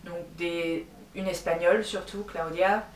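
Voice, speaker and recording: A woman's voice: lowish voice, fairly even intonation, a little slow, recorded from a distance. A French woman in her twenties chatting candidly in a casual vlog, with many fillers and restarts. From France. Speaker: YouTuber. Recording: roomy echo, voice a bit off-mic, faint background noise.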